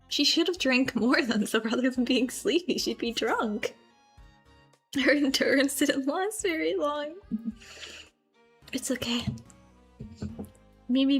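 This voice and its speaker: Woman streamer, high voice, playful and giggly, faint background music. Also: husky. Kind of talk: casual chat with viewers. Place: grandmother's house.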